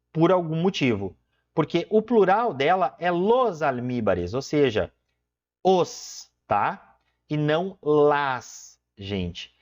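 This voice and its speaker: Guy teaching spanish, voice bouncing up and down, kinda dull lo-fi sound. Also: fairly high pitch. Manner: explains step by step, constantly checks in with the viewer. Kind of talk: exam-prep lesson.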